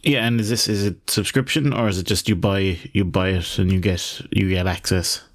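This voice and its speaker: A man's voice: low voice, fairly even intonation, moderate pace, dry recording, studio quality. A man co-hosting a casual tech podcast, asking short follow-up questions. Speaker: podcast co-host.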